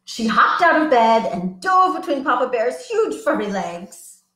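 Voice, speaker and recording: In an echoey room, a woman who works as a children's librarian reads picture books to young children and encourages them to join in. She speaks with a fairly high pitch, a little slowly, in an animated, sing-song way.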